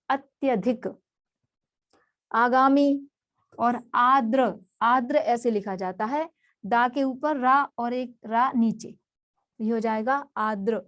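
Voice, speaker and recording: A woman teaching a spelling lesson for exam students. She goes through it word by word and repeats each term patiently. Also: fairly high pitch.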